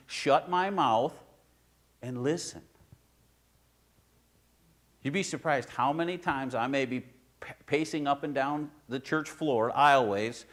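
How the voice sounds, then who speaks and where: A man preaching a sermon in his church in a conversational way, swinging between loud emphasis and quiet asides. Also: mid-range voice. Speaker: pastor.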